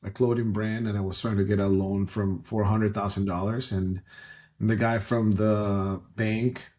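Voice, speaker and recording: Mellow-voiced man in his thirties. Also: fairly low pitch, little pitch movement, measured pace. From Ecuador. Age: 30s. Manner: earnest, rambling, many restarts and "like" fillers. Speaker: guest entrepreneur. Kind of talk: casual conversational storytelling.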